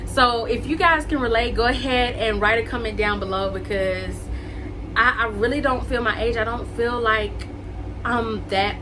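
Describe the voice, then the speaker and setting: A woman in her late twenties vlogs a casual get-to-know-me chat to camera, her voice on the high side at a moderate pace. She's chatty, leans on "like" and "um," and calls her viewers "y'all" and "guys," with a noisy background behind her.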